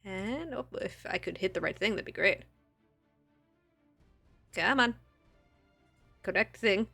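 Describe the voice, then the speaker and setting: A woman's voice: mid-range voice, lively intonation, takes it slowly, creaky, pushed and bright, soft background music. A woman acting as game master, narrating a tabletop game in a casual way with easy laughs between rules calls.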